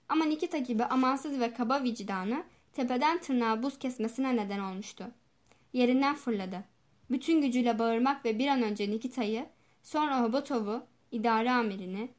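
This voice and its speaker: Brief: woman audiobook narrator, high pitch, steady measured storytelling. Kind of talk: scripted narration.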